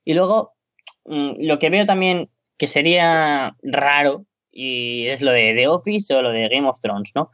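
A man's voice: fairly high pitch, measured pace, a bit bright, no echo. A man with a Spain Spanish accent talks wrestling in a loose, rambling way that builds into an exasperated rant. The recording is dull and lo-fi, close and dry with no room sound. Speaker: wrestling podcast co-host. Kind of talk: casual opinion chat.

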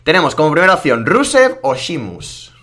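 A man hosting a casual podcast, talking quickly and energetically as he reads out listener questions. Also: on the high side, huge pitch swings, pushed and bright. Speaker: podcast host. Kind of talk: casual wrestling podcast chat.

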